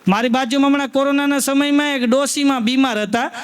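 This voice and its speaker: A man performs live stand-up. His voice sits very high, and he tells homely stories, slipping into the voices of the old people in them. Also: steady tone, quick pace. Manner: folksy storyteller addressing the audience as sir, acting out old folks. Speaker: stand-up comedian.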